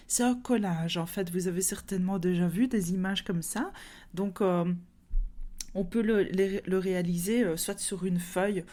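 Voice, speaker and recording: A woman with a Belgian French accent, talking as a podcast host in a gentle, chatty way with many fillers. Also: medium pitch. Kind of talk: casual solo podcast talk.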